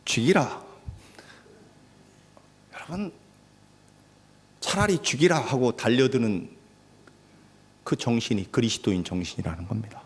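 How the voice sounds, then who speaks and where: Korean pastor preaching in a reverberant church. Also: male voice, mid-range voice, big pitch swings, moderate pace, long pauses. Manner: dramatic swings between loud exhortation and hushed delivery. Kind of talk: sermon. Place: church sanctuary. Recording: long hall reverb.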